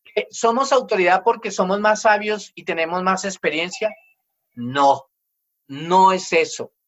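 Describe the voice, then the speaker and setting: A man's voice: high voice, a little slow, dull audio. Emphatic male pastor preaching. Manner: emphatic, acts out children's complaints in quoted voices. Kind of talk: sermon.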